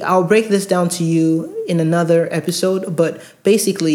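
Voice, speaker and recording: A man's voice: on the high side, a little mellow. A man hosting an advice podcast, speaking earnestly and emphatically, often repeating words for stress. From outside the US. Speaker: podcast host advising premed students. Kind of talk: casual advice monologue. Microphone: handheld recorder mic.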